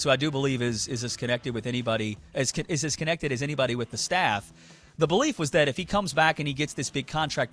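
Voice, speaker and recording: A man hosting sports talk radio, giving animated opinions with lots of restarts. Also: mid-range voice. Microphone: studio mic.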